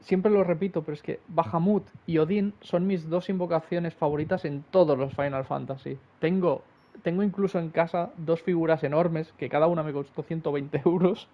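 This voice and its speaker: Excitable Spanish game streamer. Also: male voice, fairly high pitch, moderate pace, hardly any pauses, dull audio. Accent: Spain Spanish. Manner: excitable, swears often, repeats words in bursts. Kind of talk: live gameplay commentary.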